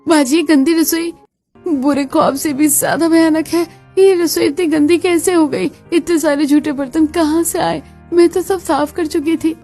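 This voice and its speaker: A woman's voice: sits high, steady tone, normal speed, dark tone, pitched above the performer's own voice. Brief: woman voicing an indignant young wife in a cartoon, raised voice, faint music behind.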